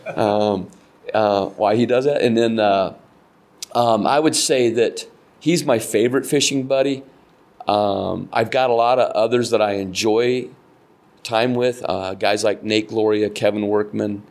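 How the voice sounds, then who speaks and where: A man's voice: lowish voice, creaky. Earnest man telling fishing stories. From Nebraska, United States. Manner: rambling, earnest, lots of fillers and restarts. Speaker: podcast guest, kayak fishing guide. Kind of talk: casual storytelling interview.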